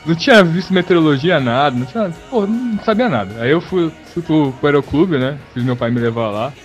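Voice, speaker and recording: A man telling a story in casual chat, lively and slangy, laughing along as he goes. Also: a little high, a little fast, highs cut off, faint music behind. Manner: lively, slangy, laughs through his stories. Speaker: podcast guest, student pilot.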